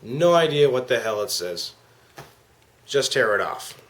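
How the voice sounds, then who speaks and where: A man's voice: medium pitch, very animated, measured pace, a bit bright. A man giving a casual, slangy product demonstration as an amateur reviewer. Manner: informal, slangy. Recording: clear background noise.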